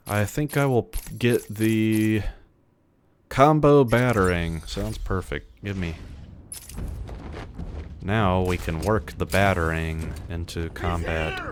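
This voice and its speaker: A man's voice: low voice, a little hiss or hum. A man giving casual, sardonic let's play commentary with mumbled asides.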